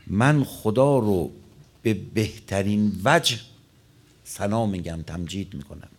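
A man preaching a religious sermon, telling stories and quoting Arabic lines, his voice rising and dropping. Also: fairly low pitch.

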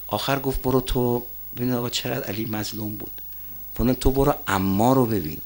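A male preacher delivering a sermon in an emphatic, rhetorical style. His voice surges to forceful peaks and then falls to low, muttered asides. He slows right down when he recites lines of verse. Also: steady tone. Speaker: cleric preacher.

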